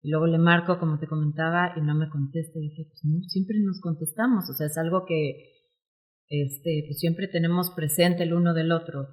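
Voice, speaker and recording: A woman in her forties with a Mexican Spanish accent, a guest telling her story in an interview, animated and acting out quoted dialogue. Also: deep voice, moderate pace. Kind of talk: emotional personal storytelling interview.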